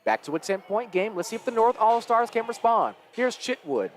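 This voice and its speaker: A man calling live high school basketball play-by-play, quick and energetic as the action rises. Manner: rapid and energetic, rising with the action. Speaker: play-by-play announcer.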